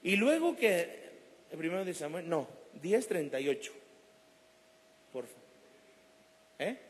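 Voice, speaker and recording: A man's voice: high-pitched, big pitch swings, a little slow. A man preaching a sermon, telling stories with animation and acting out the voices of the people in them. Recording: long reverb of a church hall.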